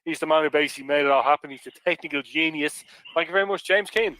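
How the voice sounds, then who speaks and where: A man's voice: fairly high pitch, quick pace, sharp tone, low-quality recording. An Irish man hosting a casual podcast panel, jokey and chatty, plugging merch with frequent restarts. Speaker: podcast host.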